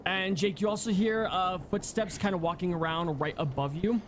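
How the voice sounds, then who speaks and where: High-voiced young man running a tabletop game. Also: fairly even intonation, a loud crowd. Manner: halting, full of ums and restarts. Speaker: game master. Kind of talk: narrating a tabletop game over voice chat. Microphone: home microphone on voice chat.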